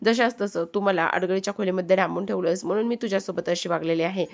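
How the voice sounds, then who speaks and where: A scheming woman answers back with sharp, scolding defiance, as a woman narrator reads her lines. The voice sits low with a gravelly edge. It is told as part of a spoken serial recap. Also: quick pace. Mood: defiant.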